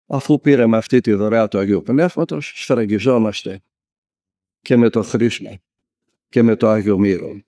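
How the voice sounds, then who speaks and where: A man's voice: lowish voice, mellow, dry recording. A man from Greece, a monk and spiritual elder, preaching a sermon and telling stories vividly, acting out the people he quotes. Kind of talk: spoken sermon.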